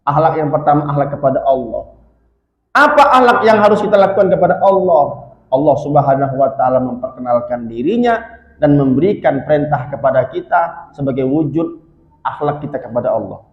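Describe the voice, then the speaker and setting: A male preacher telling a story in a sermon, lively and constantly addressing the congregation. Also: fairly high pitch, fairly quick, lo-fi sound. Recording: echoey hall.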